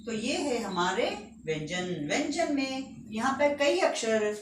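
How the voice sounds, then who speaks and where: A woman teacher speaks slowly and patiently, reciting letters one by one for a school lesson. Her fairly high voice swings widely in pitch. She sounds a little far from the mic in an echoey room, with a faint hiss behind her. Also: expressive.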